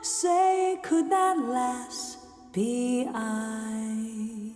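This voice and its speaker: A woman softly singing a slow folk lullaby, her voice drawn out and ringing in a big hall echo. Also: a little high, steady tone. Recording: long hall reverb with music behind.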